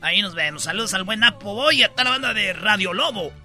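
A Mexican man hosting a comedy radio show, cracking jokes and putting on national accents. His voice is high and very bright, with lively swings in pitch. Faint music plays beneath the studio talk. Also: fast talker. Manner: jokey, mimicking national accents, laughing.

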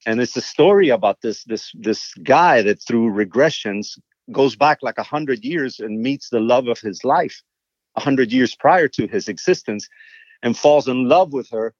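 A man with a mid-range voice tells a songwriter's stories in a relaxed interview, animated and prone to repeating words when excited. The sound is dry and a little dull, with no room around it. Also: mid-range voice, unhurried, dry recording. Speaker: songwriter and guest. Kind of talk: casual interview storytelling.

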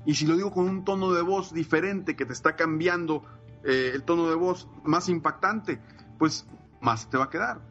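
Enthusiastic man, fairly high voice. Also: normal speed, a bit bright, muffled recording, soft background music. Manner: enthusiastic, emphatic, frequent fillers like "eh" and "pues". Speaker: coach and podcaster. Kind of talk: conversational podcast chat.

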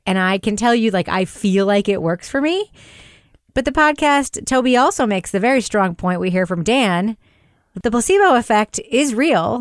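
A woman's voice: fairly high pitch, dry recording, clean studio sound. A woman hosting a review podcast, moving between prepared introductions and blunt, sweary, informal chat. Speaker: podcast host. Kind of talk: casual review podcast, partly scripted introductions.

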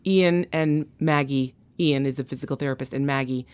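A woman's voice: very deep voice, fairly even intonation, fairly quick, a little mellow, clear, resonant tone. A woman in casual podcast chat, telling a story with enthusiasm and acting out the characters' lines. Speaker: guest.

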